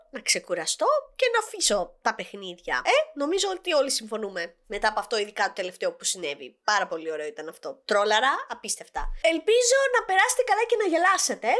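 Young female gamer, sore-throated but animated, shrieking at her game over quiet music. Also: fairly high pitch. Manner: excitable, exclaiming at the game. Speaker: gaming YouTuber. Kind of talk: gameplay commentary.

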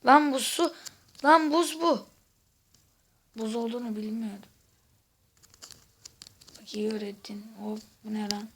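A woman giving casual gameplay commentary, exasperated, swearing and shouting out at the game while chatting to her viewers. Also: fairly high pitch, fairly even intonation, a little slow, pauses often, husky. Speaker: gaming video host.

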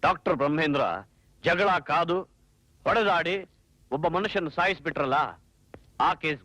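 An actor playing a hot-headed police inspector who talks brusquely and sternly. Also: male voice, a little high, unhurried, pushed and bright, dry recording.

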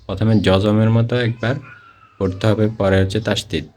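A man with a Bangladeshi Bengali accent teaching Quran reading step by step, repeating each example word slowly in a drawn-out recitation. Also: on the low side, level tone, a little mellow. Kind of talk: slow step-by-step lesson.

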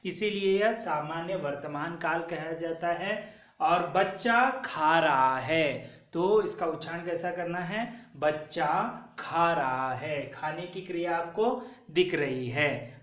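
A man teaching a grammar lesson to school children, slowly repeating example sentences for pupils to say after him. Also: a little high, a bit bright, reverberant.

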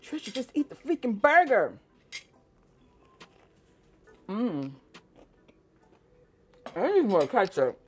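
A woman's voice: medium pitch, huge pitch swings, a little slow, breathy edge. A woman, chatting casually in a food taste-test vlog, talking with her mouth full of burger. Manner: chatty, self-mocking, rambling. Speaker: food vlogger.

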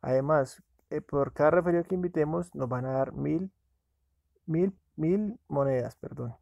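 A man's voice: fairly high pitch, normal speed, gravelly, dark tone, dry recording, muffled recording. A man casually narrating a screen-recorded app walkthrough, talking to viewers as friends. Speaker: app reviewer.

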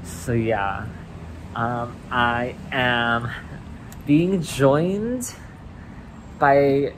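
A man's voice: mid-range voice, extremely slow, slight background noise, poor audio. A man vlogging through a face mask in a loose, chatty way, full of filler words. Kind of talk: casual vlog chat to camera.

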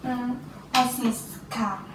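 A teenage girl with a Vietnamese accent taking an English speaking test, halting and hesitant with restarts. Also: a little high, steady tone, fairly bright tone, a little hiss or hum. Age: teens. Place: small classroom office, indoors. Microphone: far camera. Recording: roomy, distant camera sound.

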